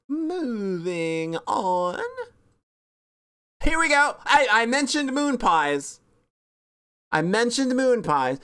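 A woman VTuber chatting casually on a stream, bubbly and self-mocking, rambling with sudden squeaky high bursts. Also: a bit bright. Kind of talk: casual stream chat reviewing fan art.

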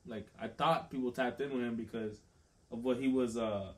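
A man's voice: mid-range voice, fairly even intonation, moderate pace. A man co-hosting a podcast, speaking earnestly in casual, rambling chat and often repeating himself.

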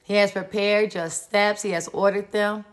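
A woman's voice: medium pitch, fairly even intonation, normal speed. A woman hosting a live-stream morning encouragement, colloquial and preacherly as she greets viewers by where they are.

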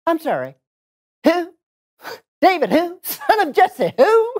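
A man's voice: extremely high pitch, wildly swooping pitch, slow, darkish tone, heavily acted. A middle-aged man playing a stingy, scornful rich landowner in a comic children's Bible sketch, mocking and exaggerated.

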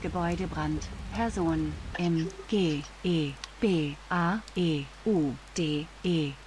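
A woman's voice reading out alarm call-outs as a radio dispatch announcer, flat and clipped, spelling out letters one by one. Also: sits low, slow, slight background noise, rough recording.

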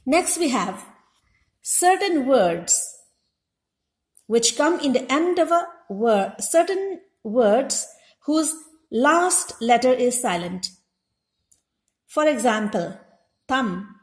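Slow, high-voiced woman teaching a lesson. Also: big pitch swings. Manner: repeats each example word slowly and explains. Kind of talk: slow, deliberate classroom lesson. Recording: echoey room.

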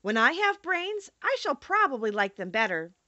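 Woman voicing an eager, high-pitched scarecrow. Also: big pitch swings, moderate pace, sharp tone, no echo, dull audio, exaggerated voice. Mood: cheerful. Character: cheerful, eager male scarecrow in a children's storybook.

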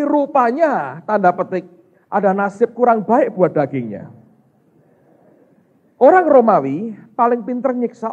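A man, a pastor, preaching a lively sermon, acting out dialogue and calling the congregation "saudara". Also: very high-pitched, breathy edge. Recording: muffled, slightly lo-fi sound.

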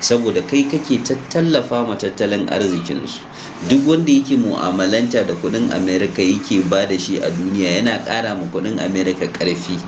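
A man's voice: on the low side, fairly quick, lo-fi sound. A man from Nigeria with a Hausa accent giving informal, emphatic commentary, mixing languages and exhorting listeners with rhetorical questions. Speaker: online crypto commentator. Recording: noisy amateur recording with background ambience.

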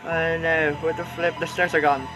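A young man with a slightly high voice talks his way through a horror game in a jittery, panicky let's-play commentary. He keeps fretting aloud and repeating himself. Loud game music plays behind him. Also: little pitch movement, normal speed, low-quality recording. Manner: nervous, panicky, repeats "oh no" over and over. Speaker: gaming YouTuber.

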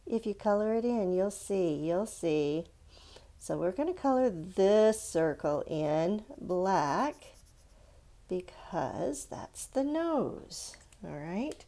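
Here a woman teaches small children to draw in easy steps, speaking slowly with a warm tone, medium pitch and lively intonation. She encourages them in plain words and regularly asks how they're doing.

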